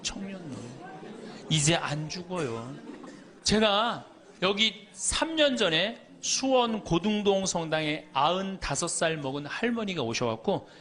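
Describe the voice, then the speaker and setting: Priest, middle-aged man, humorous lecture; high voice, lively swings, playful quoting. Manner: lively, joking, quotes people in little voices.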